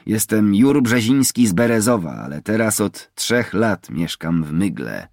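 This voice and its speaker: Man reading a cocky young highland marksman, bold and teasing, gravelly tone. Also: animated, a little slow, a little mellow, no echo, clean studio sound. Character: young male mountain poacher, proud and bold. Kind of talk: audiobook character reading.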